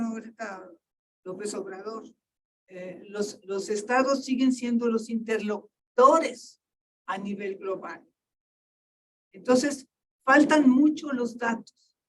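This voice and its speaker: An older woman delivers a slow, deliberate seminar talk, often repeating words as she gathers her thoughts. She sounds set back from the microphone, with a faint hiss of room noise underneath. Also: fairly high pitch. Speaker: invited lecturer. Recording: distant mic with faint noise.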